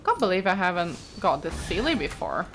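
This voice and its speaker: Thinking out loud mid-game, a woman hosting a let's play offers relaxed, chatty commentary in a lowish, sing-song voice at a brisk pace. Keyboard clicks and game music play behind her.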